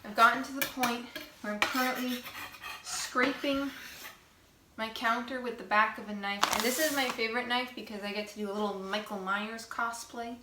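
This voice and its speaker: A woman's voice: on the high side, steady tone, normal speed, roomy sound, heavy background noise. A woman chatting casually on a vlog while she bakes at home, exasperated and self-mocking, swearing now and then. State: out of breath. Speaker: vlogger. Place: home kitchen.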